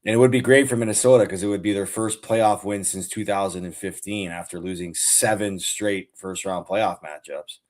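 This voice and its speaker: A man's voice: low-pitched, fairly even intonation, moderate pace, few pauses, darkish tone. A man, a former hockey player, talking hockey with an easygoing, teasing manner. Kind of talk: casual sports chat.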